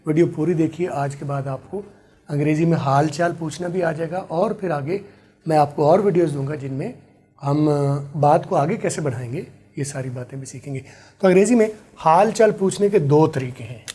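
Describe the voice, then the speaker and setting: A man teaching an online English lesson, his voice dark and a little husky. He explains patiently and drills each phrase over and over, writing as he talks. He speaks a shade higher than most men. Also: normal speed. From Pakistan. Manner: writes on a board while explaining.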